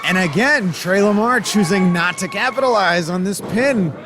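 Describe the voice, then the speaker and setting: A man's voice: sits high, moderate pace. A man giving live wrestling commentary as an analyst, weighing up the wrestlers' tactics.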